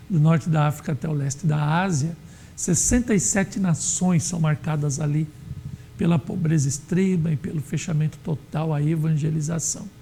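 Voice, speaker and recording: A man from Brazil teaching an adult Sunday school Bible lesson, explaining in a measured way with frequent fillers. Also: fairly high pitch, creaky, mellow, slightly rough.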